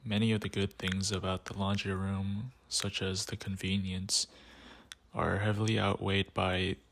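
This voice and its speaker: A man's voice: deep voice, little pitch movement, unhurried, creaky, fairly bright tone. A young man narrating a class project video about campus laundry rooms, reading plainly. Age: young adult. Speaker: student presenter.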